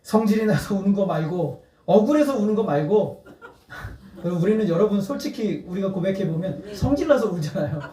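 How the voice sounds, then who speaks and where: His high-pitched voice is expressive and mellow, with a moderate pace, as this male pastor preaches earnestly, building to emphatic appeals and breaking into laughter. The echoey church sanctuary is recorded with a distant mic.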